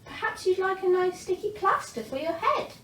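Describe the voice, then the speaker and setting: A woman playing a kind, plucky little princess in a storybook, with a gentle, lilting manner. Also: very high voice, sing-song, normal speed, voice pushed up, exaggerated voice. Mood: sympathetic. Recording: roomy, distant mic, faint noise.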